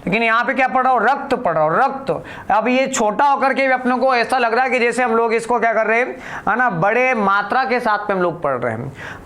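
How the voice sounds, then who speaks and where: A man teaching a grammar lesson for exam students in a slow, deliberate way, putting questions to the class and answering them himself. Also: very high-pitched, fairly bright tone.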